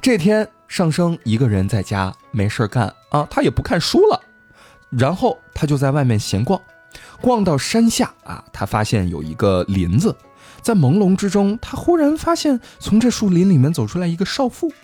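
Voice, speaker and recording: A man's voice: on the high side, wildly swooping pitch, normal speed, darkish tone, faint music behind. A man hosting a podcast, retelling an old folk tale casually with jokes and asides. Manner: playful, joking asides. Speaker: storytelling podcast host. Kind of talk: casual storytelling with banter.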